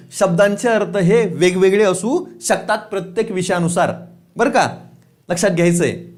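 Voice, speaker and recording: A man teaching an online exam-prep lesson. He asks questions, answers them himself, repeats key points and chuckles now and then. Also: high voice. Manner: repeats key points, says "lakshat theva"; casual, chuckles and teases students.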